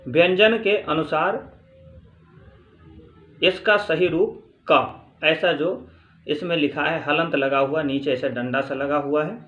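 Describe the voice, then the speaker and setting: A man teaching grammar, reading from a textbook and explaining slowly, repeating points and answering his own questions. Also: fairly high pitch, fairly bright tone, dull audio, soft background music. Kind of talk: spoken lesson reading from a textbook.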